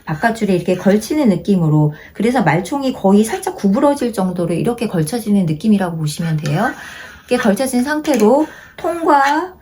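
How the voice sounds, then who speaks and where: A woman teaching a haegeum lesson, patiently repeating each instruction and slowing down to demonstrate. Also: medium pitch, very animated, dark tone. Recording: noisy home-video recording.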